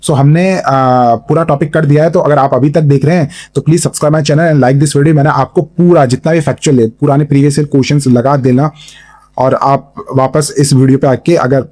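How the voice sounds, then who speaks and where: Hoarse young male tutor, mellow voice. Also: fairly high pitch, steady tone, normal speed. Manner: Hinglish, frequent fillers, checks in with "thik hai". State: voice getting hoarse. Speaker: exam-prep geography teacher. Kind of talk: online lecture with map.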